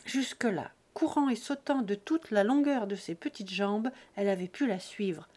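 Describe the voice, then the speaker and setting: A woman narrating a classic novel as an audiobook, in measured, expressive phrasing with short breath groups. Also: mid-range voice. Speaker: audiobook reader.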